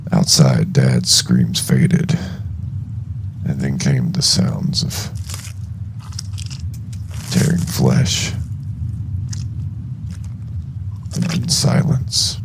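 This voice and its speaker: A man playing an exhausted, shaken young survivor of a zombie outbreak, narrating a horror audio journal in a gravelly, halting voice. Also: level tone, background noise, exaggerated voice. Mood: shaken, grim. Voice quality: very deep, gravelly, creaky. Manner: slow, halting, heavy dramatic pauses.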